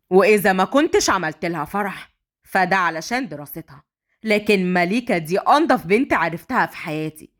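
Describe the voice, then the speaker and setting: A woman voicing a gruff, domineering young husband who talks bluntly and teases. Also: fairly bright tone, natural voice. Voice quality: rough, lowered voice. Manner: commanding, blunt, teasing.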